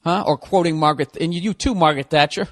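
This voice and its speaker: A man's voice: on the high side, quick pace, dry recording, studio quality. A man hosting a podcast, ranting casually in a profane, exasperated, rambling way. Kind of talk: casual comedic rant.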